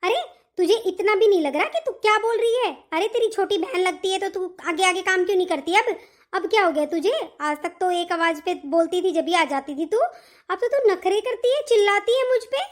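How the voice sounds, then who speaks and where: A woman's voice: very high-pitched, brisk. A woman voicing a bossy mother-in-law. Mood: scolding. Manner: sharp, commanding, nagging. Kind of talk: animated family story voice acting.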